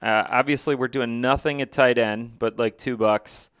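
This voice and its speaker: A man's voice: mid-range voice, steady tone, moderate pace, fairly bright tone, smooth, no room sound, studio quality. A man co-hosting a casual fantasy football chat, thinking aloud with fillers and restarts. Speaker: podcast co-host.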